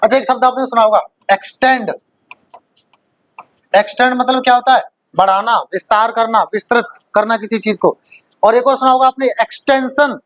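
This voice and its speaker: A man's voice: extremely high pitch, normal speed, fairly bright tone, no echo. Dry-voiced male teacher quizzing. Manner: asks questions and answers them himself; repeats words for emphasis. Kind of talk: vocabulary lesson.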